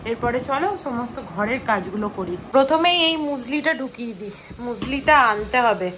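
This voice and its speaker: A young woman vlogs her day at home and chats casually to her viewers while she works. Her voice sits a little high. There is a clear layer of noise from a busy street outside. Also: animated, normal speed, fairly bright tone, low-quality recording. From West Bengal. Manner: chatty, talking to viewers while doing chores. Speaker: vlogger. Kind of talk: casual daily-life vlog narration. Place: home, indoors.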